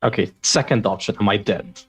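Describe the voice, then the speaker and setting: A man's voice: on the low side, fairly quick, creaky, breathy edge. A man playing a tabletop game, asking wry, hesitant questions. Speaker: player.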